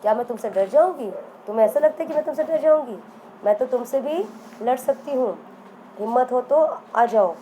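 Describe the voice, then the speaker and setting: A woman voicing a small, bold, boastful female fly who taunts in a high, mocking way while telling a storybook tale. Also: normal speed, dark tone, slight background noise, close to an everyday voice, poor audio. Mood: defiant.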